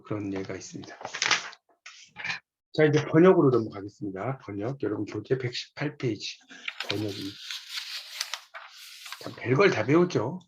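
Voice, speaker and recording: A man's voice: fairly low pitch, lively intonation, normal speed, pauses often, highs cut off, background noise. A man giving a university lecture from a textbook, patiently telling students which pages and lines to look at.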